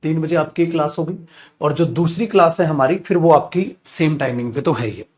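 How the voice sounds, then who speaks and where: A man's voice: on the high side, a little fast, darkish tone. A man teaching an English grammar class in Hindi, calling students "beta" and acting out angry scolding examples. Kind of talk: live online grammar class.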